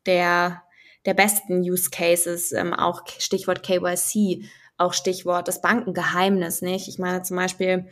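Low, even-toned woman explaining at length. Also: a little slow. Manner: thoughtful, many fillers and restarts, explanatory. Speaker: guest, finance and crypto expert. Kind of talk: conversational podcast interview.

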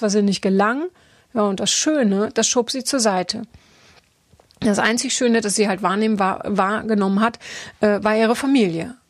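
A woman's voice: medium pitch, no room sound, clean studio sound. A woman coach telling a story from her coaching sessions in a casual, chatty way, with many fillers and restarts, acting out the dialogue.

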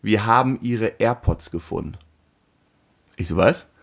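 A man in casual chat, telling an animated story and acting out the phone calls in it. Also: lowish voice, measured pace, creaky.

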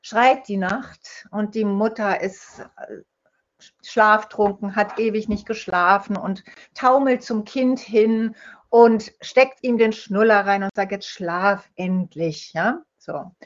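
A woman's voice: medium pitch, slow pace. A woman speaking as an interview guest, telling stories and playing out the lines of the people in them. The recording sounds dull and lo-fi. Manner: storytelling, acts out quoted speech. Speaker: guest, holistic dental health speaker. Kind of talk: conversational interview.

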